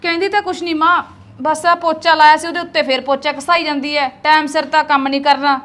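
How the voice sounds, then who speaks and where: A woman's voice: high voice, little pitch movement, fast talker, fairly bright tone. A woman playing a curt jealous young mother. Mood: reproachful. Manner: curt, reproachful. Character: jealous young mother guarding her daughter. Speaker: actor. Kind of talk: Punjabi short film acting.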